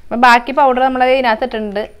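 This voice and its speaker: A woman's voice: high-pitched, fairly even intonation, quick pace, noisy background. Chatty young mother vlogging at home. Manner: chatty, coaxing, switches between talking to viewers and her child. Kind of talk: casual home vlog with her toddler. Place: home indoors.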